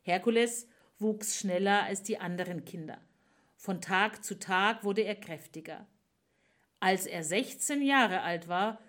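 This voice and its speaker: A woman narrating a myth as a storyteller, slow and dramatic. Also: medium pitch.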